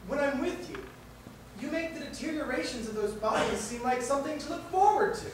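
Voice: sits high, animated, slight background noise. An actor playing an awkward, nervous nurse. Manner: halting, nervous rambling. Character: awkward nurse confessing love. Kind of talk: stage play acting. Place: theatre stage. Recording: echoey theatre, miked from far off.

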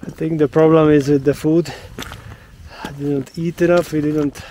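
A man narrating his mountain hike for a vlog, outdoors, in a halting way that restarts and repeats words. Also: fairly high pitch, level tone, warm tone, a little hiss or hum. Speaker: hiker filming his trip. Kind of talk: casual vlog narration on the trail. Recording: music over the outdoor audio. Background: background music.

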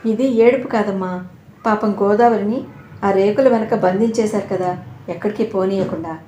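A woman's voice: mid-range voice, normal speed, mellow, a little hiss or hum, close to an everyday voice. A woman voicing a loving, poor old grandmother who speaks in a soothing, tender way, in a roomy echoing recording. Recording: roomy echo.

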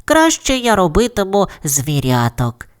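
A woman voicing a patient, crafty young female panda in a children's audio fairy tale, explaining gently. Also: mid-range voice, huge pitch swings, unhurried, clear, resonant tone, voice pushed up. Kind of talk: storybook character voice.

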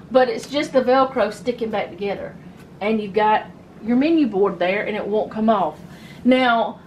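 The audio is low quality with a little hiss or hum, carrying a woman's fairly high voice. Indoors at home, she films on a handheld phone and shows household items in a casual show-and-tell vlog, rambling and self-correcting.

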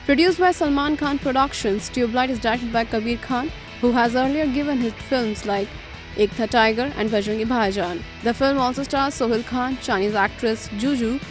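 Female entertainment news narrator, highish pitch, scripted read over a clear guitar music bed. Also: moderate pace, poor audio.

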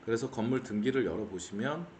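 A middle-aged man, host of an auction channel, giving a measured explanatory lecture that slows to stress key points. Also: medium pitch, lively intonation, a little mellow. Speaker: auction investor explaining cases. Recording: roomy echo, faint background hiss.

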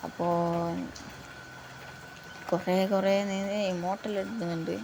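YouTuber woman with a sore throat, slightly low voice, rambling casual gameplay talk over steady noise. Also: poor audio. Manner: rambling, filler-heavy, keeps addressing viewers. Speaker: gaming YouTuber.

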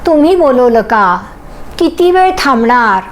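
Woman voicing a very old man, deaf, nosy, endless questions, high and slow, storybook reading. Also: big pitch swings, slight background noise, poor audio. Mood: questioning. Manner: keeps firing questions. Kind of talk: storybook character voice.

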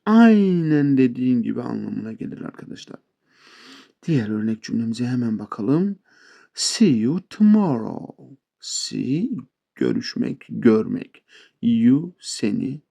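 Gravelly, mellow male language teacher. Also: medium pitch. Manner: chatty, addresses viewers as friends, playful asides. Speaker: English teacher. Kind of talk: casual spoken language lesson.

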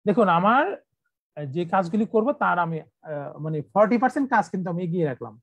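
A man from Bangladesh runs an online computer training for teachers over a video call. He explains each step, repeats himself often and fills pauses with "uh". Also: high-pitched, expressive, creaky, breathy edge, dry recording. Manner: instructive, repetitive, many "uh" fillers.

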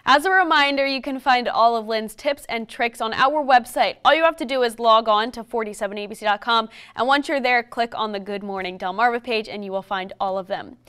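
A woman's voice: fairly high pitch, a little fast, hardly any pauses, fairly bright tone, smooth. A young woman anchoring morning news in a TV studio, delivering her scripted lines in an upbeat, polished way.

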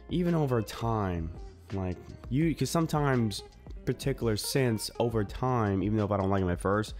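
A young man with a low, darkish voice reviews a soap while talking casually to the camera. He's easygoing and chatty, full of fillers and asides, recorded in a small room on a desk mic in front of him.

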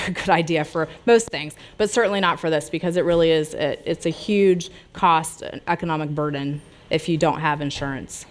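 Low-voiced woman lecturing, smooth and clear. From United States. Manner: conversational, gestures freely while speaking. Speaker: public health professor giving a talk. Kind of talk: informal public talk with audience questions. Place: small lounge with brick walls, seated audience.

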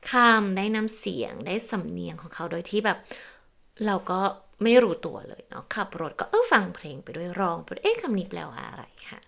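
Gentle creaky-voiced woman teacher. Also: mid-range voice. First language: Thai. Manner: gentle and encouraging, often switching into slow spoken Italian; adds a soft confirming particle to many sentences. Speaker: Italian teacher. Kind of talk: casual language lesson.

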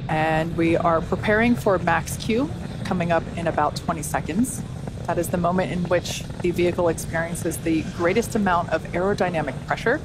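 A woman's voice: lowish voice, normal speed. A woman hosting a launch webcast, giving conversational, explanatory live commentary. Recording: faint background noise.

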